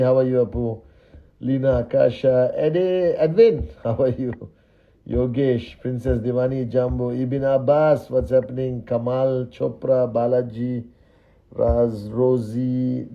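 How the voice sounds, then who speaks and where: A man's voice: mid-range voice, gravelly, highs cut off. A man hosting a casual live stream, cheerfully greeting viewers by name one after another. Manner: upbeat, reels off viewer names with quick greetings. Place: indoors, just back from a dinner.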